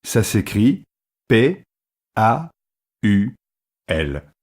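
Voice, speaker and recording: A man's voice: lowish voice, sing-song, drawn-out words, a little mellow, breathy edge. A man reading scripted answers in a textbook dialogue, keeping each reply short and plain.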